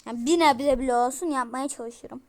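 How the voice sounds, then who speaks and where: A woman giving casual let's-play commentary to her viewers, easily frustrated and breaking into loud exclamations. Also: high-pitched, moderate pace, a little hiss or hum. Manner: talks straight to her viewers. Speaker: gaming streamer.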